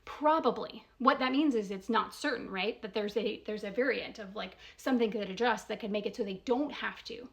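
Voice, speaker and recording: Brisk and creaky with few pauses, this woman's medium-pitched voice has a slightly bright edge. She's a commentator casually analyzing a voicemail, laying out her reasoning step by step with emphasis while asking probing rhetorical questions and often checking in with "right?"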